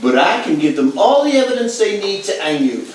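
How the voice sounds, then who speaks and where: A shifty con man played by a man hides behind a put-on French accent, then drops it when he is rattled. His voice is high and swoops widely. It is heard from far off on an echoey, noisy stage. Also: sing-song, fairly quick. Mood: smooth blackmail. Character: scheming male con man faking a Frenchman. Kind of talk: amateur stage play. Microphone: distant room mic.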